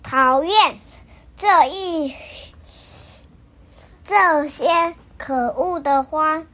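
A woman voicing a short-tempered grumpy man in a storybook reading, shouting and snapping in a drawn-out way. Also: high voice, pitched above the performer's own voice, exaggerated voice. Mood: yelling angrily.

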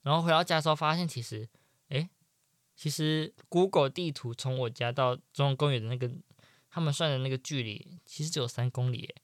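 A young man from Taiwan hosting a podcast, telling a personal story in an animated, chatty way that swings from loud excitement to quiet mumbling. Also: mid-range voice, a little fast, dry recording, studio quality. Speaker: podcast host. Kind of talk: casual storytelling monologue.

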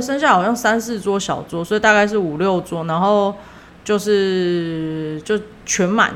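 A woman's voice: mid-range voice, slight background noise. A young woman, telling a story casually as a podcast host, rambling with lots of fillers and self-corrections.

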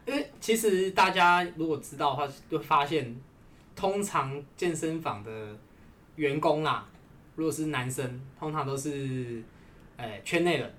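Relaxed man telling gym stories. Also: a little high, unhurried. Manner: relaxed storytelling with frequent "对". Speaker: gym employee sharing stories. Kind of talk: casual podcast chat. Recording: faint background noise.

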